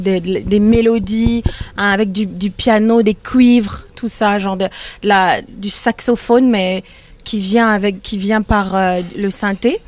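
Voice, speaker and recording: Hesitant young woman, a singer. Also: mid-range voice. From Democratic Republic of the Congo. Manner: hesitant, many fillers and restarts. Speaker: singer, interview guest. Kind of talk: casual interview talk.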